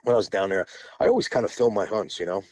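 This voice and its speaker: This fortyish man talks quickly in a somewhat low, faintly mellow voice with no echo. As a podcast guest he tells long stories casually, rambling, frequently starting over, and laughing between phrases.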